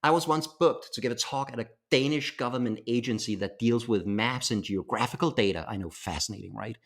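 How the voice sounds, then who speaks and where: A man's voice: medium pitch, a little fast, vocal fry. A man co-hosting a podcast with an American accent, telling stories in a playful, enthusiastic way. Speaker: podcast co-host. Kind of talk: casual podcast chat.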